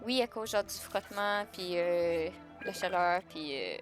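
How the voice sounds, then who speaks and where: A woman's voice: on the low side, unhurried, soft background music. A young woman with a Québécois French accent chatting casually on a live stream, joking and answering her chat.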